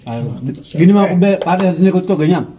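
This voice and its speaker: A man telling stories and joking casually with friends outdoors at night, swearing freely and murmuring soft replies. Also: high voice, lively intonation, fairly quick, lo-fi sound, slight background noise. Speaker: vlogger. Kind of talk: casual storytelling chat.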